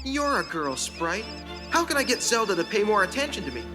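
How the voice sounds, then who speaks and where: A whiny, cocky cartoon hero. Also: male voice, high voice, big pitch swings, fairly quick, music in the background.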